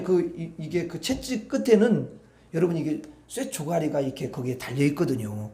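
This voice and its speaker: A man's voice: high voice, darkish tone, reverberant. A male pastor preaching a Sunday evening sermon in a conversational way, often asking the congregation to agree with him. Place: church sanctuary.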